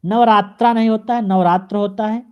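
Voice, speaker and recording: A man's voice: high voice, normal speed, clean tone, muffled recording. Male teacher drilling spelling corrections. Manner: repeats each correction in a steady drilling pattern; speaks straight to the viewer. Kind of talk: exam-prep grammar lesson.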